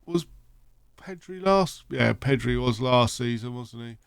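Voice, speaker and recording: A man's voice: medium pitch, animated, unhurried, creaky, clean tone, no echo, clean studio sound. A sleepy man casually commentating his football management game, rambling and thinking aloud with lots of fillers. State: sleepy, yawning. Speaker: gaming channel host. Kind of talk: casual let's-play commentary.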